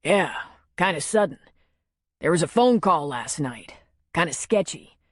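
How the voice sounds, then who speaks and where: A woman's voice: sits low, lively intonation, a little slow, no echo, studio quality. A woman narrator voicing a plainspoken man who talks in a casual, clipped, matter-of-fact way.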